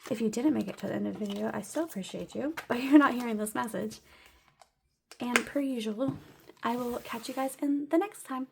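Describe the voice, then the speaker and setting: A woman's voice: on the high side, brisk, creaky, noisy background. A young woman vlogging her weekly cash budget, chatty and a little breathless as she counts bills aloud and laughs often. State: slightly out of breath. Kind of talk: casual budget vlog narration.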